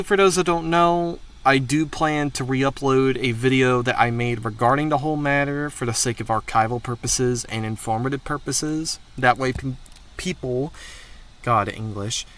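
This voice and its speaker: A man talks through his channel's plans in a loose, unscripted way, full of asides and casual swearing. His voice has a bright, forward edge and sits at an ordinary pitch for a man. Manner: candid, frequently profane, rambling asides. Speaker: channel host. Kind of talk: casual channel update monologue.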